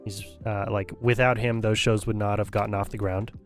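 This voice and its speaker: A man's voice: lowish voice, flat delivery, fairly quick, soft background music. Opinionated male streamer ranting casually. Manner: repeats and restarts phrases while thinking. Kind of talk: casual livestream commentary.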